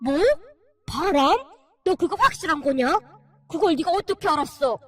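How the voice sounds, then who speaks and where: A stern old father-in-law bellows in alarm, as a woman puts him on in a storytelling radio drama. The voice stays high for a man and rings over soft background music. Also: fast. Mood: shocked, angry. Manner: loud, shouting in alarm. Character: stern elderly father-in-law, quick to anger.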